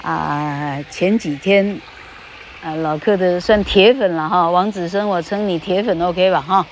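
A woman's voice: fairly low pitch, measured pace, a little hiss or hum, rough recording. A woman giving a casual podcast lesson on English pronunciation. She talks into a podcast microphone in a chatty way, tagging her sentences with little fillers and stretching out the example words.

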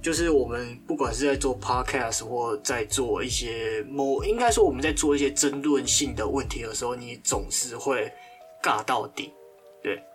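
A man's voice: medium pitch, normal speed, faint music behind. A man co-hosting a podcast, easygoing and playful in casual chat. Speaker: podcast co-host.

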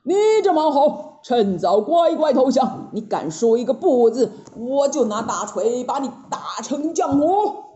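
A woman voicing a blustering giant male heavenly general with a loud, threatening manner, in a storybook reading. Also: high-pitched, expressive, unhurried, few pauses, roomy sound, muffled recording.

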